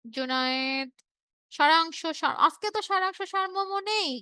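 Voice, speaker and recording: A woman's voice: extremely high pitch, animated, moderate pace, sharp tone, dry recording. A woman teacher from Bangladesh giving an online revision class, explaining patiently, repeating key words and checking in with her students.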